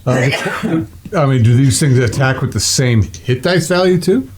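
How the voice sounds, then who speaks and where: A man at a tabletop game keeps asking the group quick questions about the rules. His voice has a lively rise and fall. There is faint noise in the background. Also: medium pitch. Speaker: player. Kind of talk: casual game chat.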